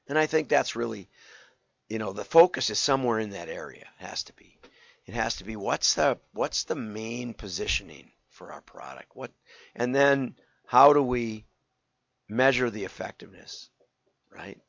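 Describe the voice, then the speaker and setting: An older man who has partly lost his voice, hosting a casual talk in a hoarse, rambling, wry way. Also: fairly low pitch. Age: older, 60s or above. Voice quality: hoarse, gravelly. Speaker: host and direct marketing consultant. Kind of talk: casual solo show talk with commentary. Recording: roomy, slightly dull lo-fi sound.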